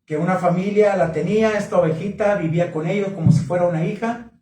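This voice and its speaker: Animated preacher, high voice. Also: male voice, fast talker. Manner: animated, asks the congregation questions. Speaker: pastor. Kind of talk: sermon at a marriage conference. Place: church hall. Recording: echoey hall, mic from a distance.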